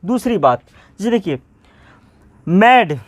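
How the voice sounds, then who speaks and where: A man teaching pronunciation, asking questions and answering them himself, spelling words out slowly letter by letter. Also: high voice, big pitch swings, no room sound. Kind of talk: Hindi classroom-style lesson.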